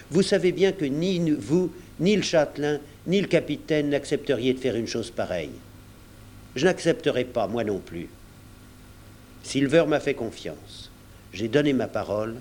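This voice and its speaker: A man's voice: mid-range voice, a little mellow, a little hiss or hum, close to an everyday voice. A man reading as an honest, loyal young boy, speaking earnestly.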